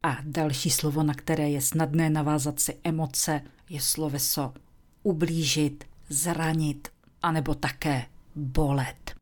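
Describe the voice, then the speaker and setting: A woman teaching English, speaking slowly and clearly, and sometimes dropping into a whisper to model phrases. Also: low-pitched, steady tone, a little mellow. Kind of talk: slow, deliberate language lesson.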